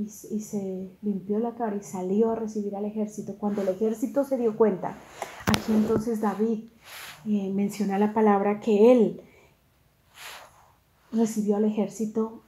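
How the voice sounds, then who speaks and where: A woman preacher retelling a scripture story in a sermon, animated, with restarts and voiced quotes. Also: medium pitch, roomy sound, slight background noise, low-quality recording.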